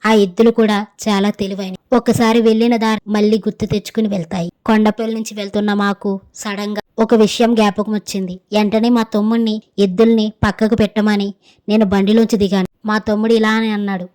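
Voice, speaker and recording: A woman narrating a village horror story in first person, in a steady storytelling manner. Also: mid-range voice, a little fast.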